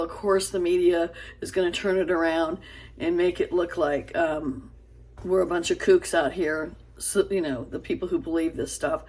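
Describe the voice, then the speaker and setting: A woman vlogger talks straight to her camera in a low, husky voice. Her speech is halting and earnest, full of fillers and restarts, and she pleads with her viewers. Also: darkish tone. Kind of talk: casual talk to camera.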